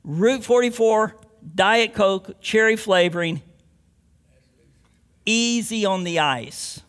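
A man's voice: high voice, slow, a bit bright. A man preaching a sermon as a pastor, mixing scripture with homely stories and rising to emphatic declarations.

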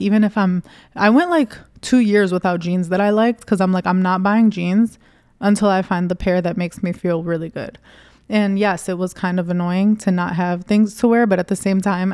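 Chatty woman in her thirties, smooth voice. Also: medium pitch, darkish tone, no room sound, studio quality. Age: 30s. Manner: chatty, candid, self-deprecating with filler "like". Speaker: podcast host. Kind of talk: casual solo podcast talk.

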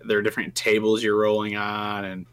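A man's voice: fairly low pitch, flat delivery, brisk, clean tone. A man co-hosting a casual tabletop gaming podcast, telling stories with lots of restarts. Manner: rambling, self-interrupting storyteller. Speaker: podcast co-host. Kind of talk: casual chat.

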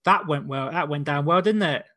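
Higher-voiced man hosting a casual podcast. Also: moderate pace, sharp tone. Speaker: podcast host. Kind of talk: casual watch-along chat.

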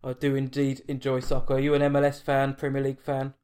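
A man's voice: medium pitch, monotone, fast, darkish tone, clean tone. A man with an English accent, hosting a film podcast and chatting casually with a guest over an online call. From England. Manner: chatty, self-deprecating, with restarts. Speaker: podcast host. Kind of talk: casual interview chat. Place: home, late at night.

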